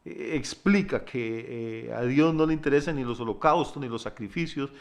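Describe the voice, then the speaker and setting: A middle-aged man preaching a sermon as pastor, emphatic, moving between loud declarations and quiet asides, stacking up lists of words. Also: medium pitch, moderate pace. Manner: repeats words, piles up lists.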